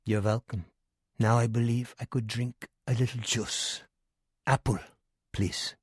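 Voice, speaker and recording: A man's voice: mid-range voice, fairly even intonation, measured pace, breathy edge, no echo, studio quality. A man voicing a frail, dying male psychiatrist in his nineties, with a heavy German accent and a sly, probing way of asking questions. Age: 90s.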